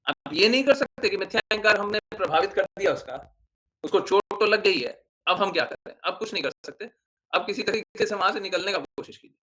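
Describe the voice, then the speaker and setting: A man's voice: high-pitched, lively intonation, a little fast, sharp tone, poor audio. A man giving a devotional discourse as a spiritual teacher, explaining with everyday examples, asking rhetorical questions and checking in with his listeners.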